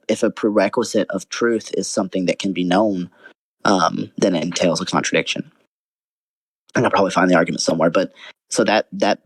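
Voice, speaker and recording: A young man with a low-pitched voice, arguing a philosophical point in a casual online debate. He thinks aloud, stumbling through restarts and fillers as he goes. The sound is dry and close, with no room around it. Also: dry recording.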